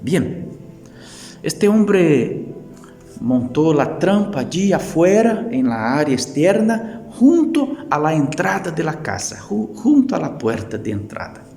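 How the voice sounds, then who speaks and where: A male pastor with a Brazilian Portuguese accent and Portuguese as his first language, giving a gentle, halting sermon with storytelling. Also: fairly high pitch, very animated, creaky. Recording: echoey hall with faint music.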